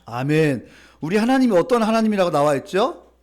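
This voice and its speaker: High-voiced, lively Korean pastor preaching. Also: male voice, brisk. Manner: animated preaching, leads congregation in reading and repeating. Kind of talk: sermon.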